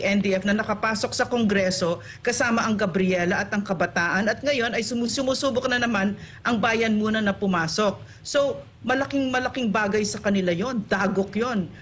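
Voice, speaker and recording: Indignant woman commentator, faint noise. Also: a little high. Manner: indignant, rapid code-switching, rhetorical tag questions. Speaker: political commentator guest. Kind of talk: live online commentary interview.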